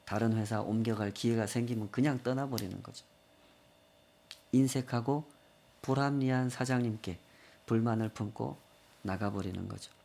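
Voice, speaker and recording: A man's voice: medium pitch, normal speed, creaky, long pauses, darkish tone. A male pastor preaching a sermon, telling a story with acted quotes and rhetorical questions.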